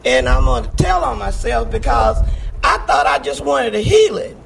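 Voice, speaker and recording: A woman with a high, gravelly voice gives spontaneous personal testimony as a church member into a handheld or stage microphone, speaking at normal speed with a little hiss or hum. A missing front tooth gives her speech a gap-toothed sound. She tells her story in an emphatic, folksy, animated way.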